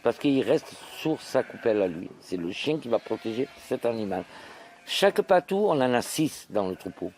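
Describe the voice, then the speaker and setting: A man who farms sheep giving spontaneous interview testimony, halting and repeating his phrases. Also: mid-range voice, very animated, darkish tone. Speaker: sheep farmer. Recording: noisy outdoor location recording. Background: bleating sheep and outdoor ambience.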